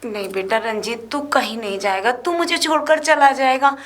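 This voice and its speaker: A woman's voice: extremely high pitch, brisk, pushed and bright. An actress playing a doting mother who coaxes her son and schemes against her daughter-in-law. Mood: coaxing. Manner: coaxing, conspiratorial. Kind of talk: amateur web drama acting.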